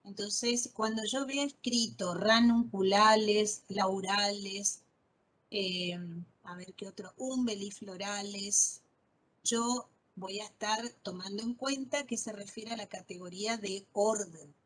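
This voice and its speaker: A botany lecturer teaches an online class, patiently spelling out terms and often asking questions to check understanding. Her mid-range voice is steady, slow, and a bit bright, though the recording is rough.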